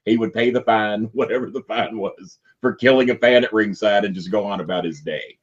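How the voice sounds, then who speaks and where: A man guest in a wrestling interview, telling stories in an animated way, his voice jumping high when he gets excited. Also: a little fast, highs cut off. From Kentucky, USA. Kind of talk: storytelling interview.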